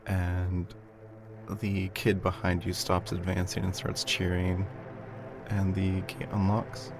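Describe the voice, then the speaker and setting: Slow, gravelly, low-voiced man running a game. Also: completely flat delivery. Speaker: game master. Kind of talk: improvised narration of a tabletop game. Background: background music.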